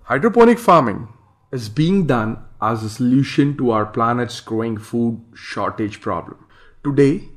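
Man from India, mid-pitched, reads slides and adds remarks, some hesitation. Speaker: farm owner presenting slides. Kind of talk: slide presentation voice-over.

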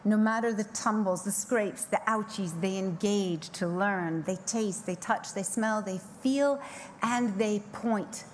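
A middle-aged woman giving a scripted keynote speech from a podium on a large conference stage, with a measured, poetic delivery and slow emphatic pauses. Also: mid-range voice, slight background noise. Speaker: keynote speaker. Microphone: podium microphone.

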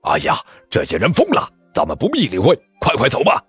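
A frightened young monk in a wuxia audiobook, voiced by a male narrator. He calls out urgently, his husky voice rising with alarm. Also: lowish voice, huge pitch swings, fairly quick, a bit bright, soft background music, heavily acted.

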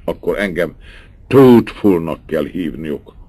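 A male audiobook reader voicing a young, pious countess who is torn between duty and love, with breathy whispers. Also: low voice, animated, warm tone, no room sound, pitched above the performer's own voice. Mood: mocking, playful. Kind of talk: audiobook dialogue.

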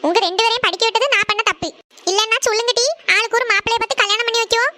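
A woman voicing a scolding village mother of two daughters, loud. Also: very high voice, steady tone, racing, background noise. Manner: loud, scolding, rural Tamil speech.

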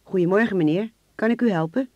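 Man playing a friendly security guard, sympathetic, higher voice, dry sound. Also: fast talker, a little mellow, no echo, highs cut off, lightly acted. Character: helpful building security guard. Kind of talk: radio play acting.

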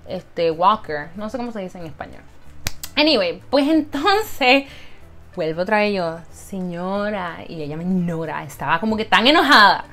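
A young woman, telling a story to camera as a vlogger in an animated, dramatic way and mixing in English words. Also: mid-range voice, moderate pace, soft background music.

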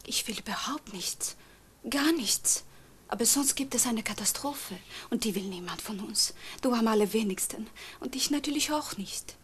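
A hushed, troubled young wife. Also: female voice, a little high, unhurried, whispered. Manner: hesitant, hushed. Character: young wife torn between husband and mother-in-law. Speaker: daughter-in-law. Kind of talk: TV drama acting.

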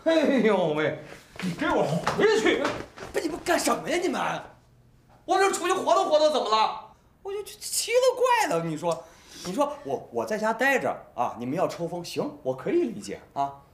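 An actor playing a lazy, gambling young husband in a family TV drama, speaking, first coaxing and then loudly exasperated. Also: male voice, high-pitched, huge pitch swings, moderate pace, vocal fry, a little hiss or hum, heavily acted. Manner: wheedling, then exasperated and loud. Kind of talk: Beijing-flavored TV drama acting.

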